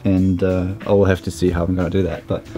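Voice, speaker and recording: A young man giving a relaxed, chatty walkthrough of his camper van build, recorded on a camera mic in a small wood-panelled van. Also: low-pitched, fast, faint music behind. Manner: relaxed, chatty, many fillers. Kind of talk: casual vlog walkthrough.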